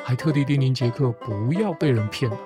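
This podcast host spins fairy tales into storytelling commentary that's playful, teasing and mock-reasonable, with guitar music underneath. He speaks in an expressive mid-range voice at a fairly quick clip.

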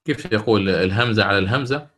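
A man, a sheikh, explaining a recitation poem in a lesson, chanting the verses slowly and checking his listeners with quick questions. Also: lowish voice, a bit bright. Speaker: sheikh teaching Quranic recitation.

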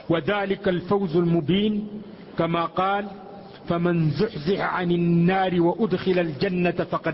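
High-voiced man reciting slowly. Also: a little hiss or hum. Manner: slow measured recitation of quotations. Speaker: student reading the text aloud. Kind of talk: recited reading of a religious text. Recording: muffled lesson recording in a reverberant hall.

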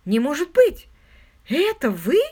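A woman voicing a prim, excitable older spinster who talks in a fussy, insistent rush in an audiobook. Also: high-pitched, moderate pace, voice pushed up. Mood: eager, alarmed.

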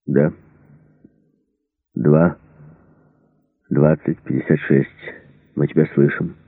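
Man reading a brisk military radio operator. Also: rumbling low, fairly even intonation, gravelly, no echo, exaggerated voice. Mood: formal. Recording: dry, tinny phone-like sound.

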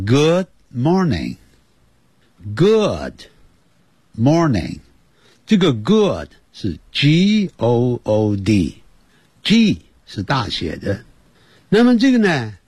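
Slow patient guy teaching little kids n parents, lots of repeating, raspy voice. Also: medium pitch, a little mellow, dry recording. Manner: slow, drawn-out demonstration with many repetitions. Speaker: English teacher. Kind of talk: beginner language lesson for children and parents.

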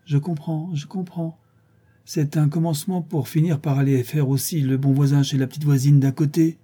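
A man's voice: medium pitch, normal speed, mellow, husky, close to an everyday voice. A man voicing a nosy, self-important old male porter who talks in a prim, fussy way. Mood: gossipy. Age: older.

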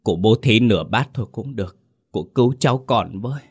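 A man's voice: lowish voice, expressive, fairly quick, a little mellow, breathy edge. A man voicing a starving, trembling old peasant woman who pleads in a faint voice. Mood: pleading.

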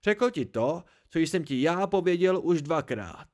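A man's voice: fairly high pitch, animated, a little mellow, natural voice. A man reading an audiobook, voicing an irritable, blunt male student friend who scolds. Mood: irritated.

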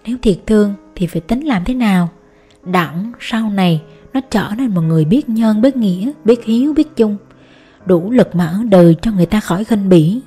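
A woman reading the lines of a stern old man who lectures gravely in an audiobook story. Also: medium pitch, normal speed, dark tone, faint music behind, natural voice.

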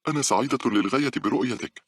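A frightened young woman in a spoken horror story, pitched high and pleading, her words tumbling out anxiously, as a male narrator puts her on. The voice keeps a bright, raspy grain under the raised pitch. It sounds close and dry. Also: fast, no room sound. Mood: relieved.

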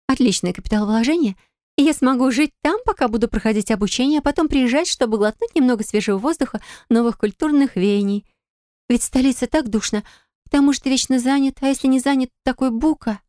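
A woman voicing a capricious, greedy young wife in an audiobook, high and squealing. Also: fast, warm tone, dry recording, studio quality, lightly acted. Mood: gushing. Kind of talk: audiobook character voice.

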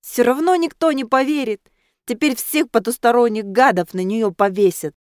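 A woman voicing a tipsy, hot-headed teenage girl dressed as a ghost, loud and insistent. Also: a little high, normal speed, dry recording, clean studio sound, voice pushed up, lightly acted. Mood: indignant.

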